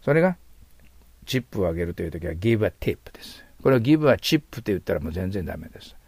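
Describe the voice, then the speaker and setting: A man gives an English pronunciation lesson in a low, gravelly voice with a husky edge. He explains patiently, repeating each word and slowing down for the English examples. The sound is dry and close. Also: expressive, darkish tone, no echo. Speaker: English teacher.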